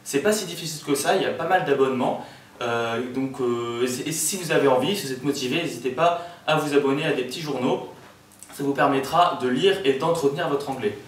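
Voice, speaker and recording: A man's voice: medium pitch, brisk, slight background noise. A young man, a student tutor, giving a casual spoken introduction to a lesson series and encouraging viewers directly. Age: young adult. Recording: very echoey room, mic far off.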